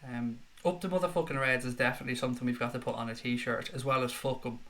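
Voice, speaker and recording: A man's voice: medium pitch, fairly even intonation, fast, fairly bright tone. A man with a Dublin Irish accent hosts a casual live stream with a slight head cold, reading viewer messages aloud and answering them in a matey way. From Dublin, Ireland.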